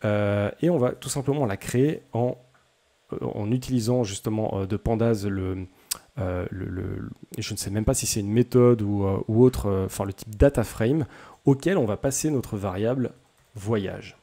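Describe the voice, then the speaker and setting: A man's voice: fairly low pitch, moderate pace, dark tone. A young man hosting a casual coding tutorial, chatty and self-deprecating, with many hesitations.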